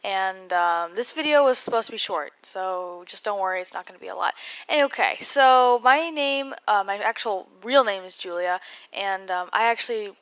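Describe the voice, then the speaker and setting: A woman's voice: mid-range voice, normal speed, fairly bright tone, clear, resonant tone. A young woman from California with an American accent and slightly muffled articulation from braces, telling her story as a casual vlog voice-over, rambling and interrupting herself with self-deprecating asides. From California, United States. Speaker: video blogger.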